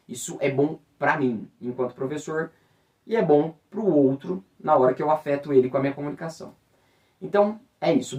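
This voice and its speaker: A man from Brazil, a teacher and voice coach, giving an instructional talk and varying his pitch expressively to demonstrate speaking. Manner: expressive, swings pitch widely to demonstrate speech. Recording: voice somewhat distant from the mic.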